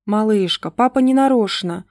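A woman reader voicing a bewildered young mother who talks in a soft, coaxing, cooing way. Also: medium pitch, moderate pace, dry recording, clean studio sound, natural voice. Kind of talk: audiobook reading.

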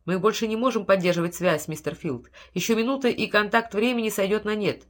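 A woman reading an audiobook, voicing a calm, soft-spoken male scientist with a measured delivery. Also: medium pitch, close to an everyday voice. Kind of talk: audiobook character voice.

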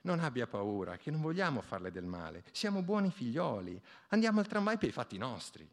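A man voicing a quiet, decent young working man who speaks earnestly and reassuringly. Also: mid-range voice, very animated, brisk. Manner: soothing, earnest.

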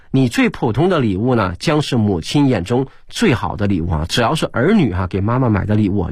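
A male teacher giving a radio English lesson. He explains words, spells them out letter by letter, and reads English slowly. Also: medium pitch, breathy edge, dry recording. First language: Chinese. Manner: switches between explanation and slow English reading. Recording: dry studio broadcast.

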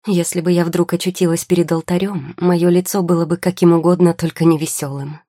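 A woman's voice: lowish voice, little pitch movement, fairly quick, dark tone, dry recording, studio quality, natural voice. A woman voicing a prickly, sarcastic young witch. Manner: curt, sarcastic retorts. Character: tired, prickly young woman potion-maker. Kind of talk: audiobook character voice.

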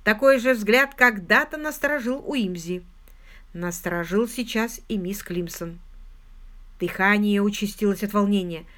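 A woman narrating an audiobook in an expressive, scripted reading style. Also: mid-range voice, measured pace.

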